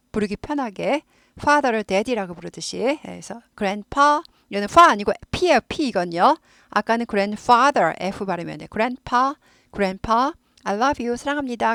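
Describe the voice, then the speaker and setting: A woman from South Korea, talking through an English lesson in a chatty way and repeating words slowly to model pronunciation. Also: fairly high pitch, no echo, clean studio sound. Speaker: English teacher. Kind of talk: casual explanatory lesson.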